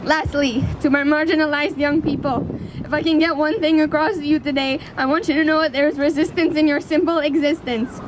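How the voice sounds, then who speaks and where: A woman giving a prepared speech as an activist at a rally, speaking in an earnest, impassioned, deliberate way. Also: high-pitched, fairly even intonation. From Canada. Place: outdoors in a city square. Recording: outdoor public square with city traffic noise.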